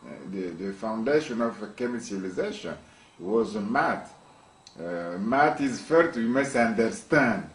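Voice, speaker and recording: A man's voice: on the low side, animated, a little slow. A man from Congo, a university professor, speaking in an interview with emphatic repetitions and frequent restarts. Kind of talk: interview monologue. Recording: echoey room, mic at a distance.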